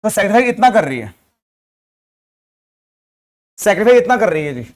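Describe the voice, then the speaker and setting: A man's voice: high-pitched, sing-song, moderate pace. A man teaching economics to a class, asking the students rhetorical questions and mixing English terms into his Hindi. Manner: scolds students loudly when they laugh. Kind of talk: classroom lecture.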